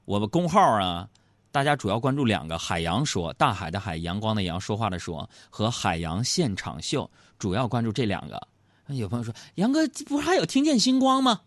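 A man from Northeast China with a Northeastern accent, hosting a comic radio monologue in a studio and telling stories in an animated way. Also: on the low side, brisk, no echo. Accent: Northeastern Mandarin. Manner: animated, storytelling, acts out loud quoted exchanges. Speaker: radio host.

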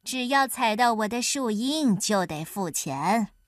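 A woman voicing a clever, sly folk-hero man in a children's storybook reading, calm and teasing. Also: medium pitch, dry recording, clean studio sound. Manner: calm, teasing, deliberately slow. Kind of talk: storybook character voice.

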